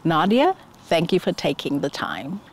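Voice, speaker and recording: A woman's voice: low voice, very animated, moderate pace. A woman from South Africa hosting an interview podcast, affirming her guest often. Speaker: podcast host.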